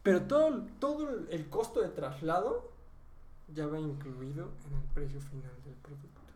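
A man's voice: normal speed, recorded from a distance. Mexican man explaining in an echoey room. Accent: Mexican Spanish. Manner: explains at length, animated rises in pitch. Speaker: podcast co-host. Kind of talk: casual chat. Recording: echoey room, faint ambient noise.

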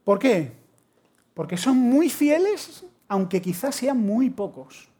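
Spanish-accented man preaching a lively sermon. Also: extremely high pitch, takes it slowly, husky. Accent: Spain Spanish. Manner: animated storytelling with humor.

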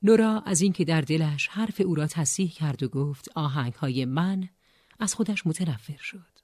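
A steady audiobook narrator telling a novel at an even, measured pace. The voice sits in a middle range. It is recorded close in a dry studio with no reverb. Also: medium pitch, breathy edge. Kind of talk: scripted narration.

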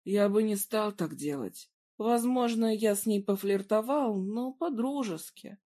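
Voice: mid-range voice, a little slow, warm tone, close to an everyday voice. A reader voicing a bruised young man who answers with wry, easygoing humour in a story reading. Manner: wry, laid-back.

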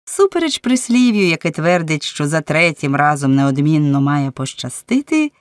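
A woman narrating an audiobook in an even storytelling read. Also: low voice, normal speed, no echo, studio quality. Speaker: audiobook reader. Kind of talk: scripted narration.

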